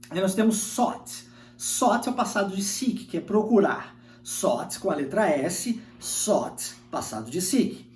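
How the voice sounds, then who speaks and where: A man from Brazil gives an English lesson in a high voice, explaining patiently and often checking in with tag questions. He is recorded from a distance in an echoey room with a faint hum underneath. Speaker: English teacher. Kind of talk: video lesson.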